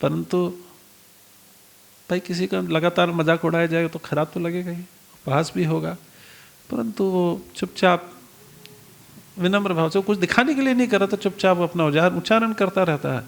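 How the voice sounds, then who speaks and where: A man's voice: sits high, moderate pace, gravelly, pauses often. A male preacher giving a storytelling sermon, acting out the dialogue of the characters and putting rhetorical questions to his listeners.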